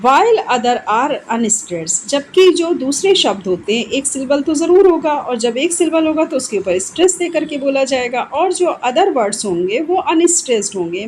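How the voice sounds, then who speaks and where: An Indian woman teaching an English lesson in a bright, animated voice that rises and falls a lot. She reads English definitions slowly and deliberately, then explains them in quick Hindi. Faint noise hums in the background. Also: high-pitched, low-quality recording. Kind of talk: classroom-style lesson explaining grammar.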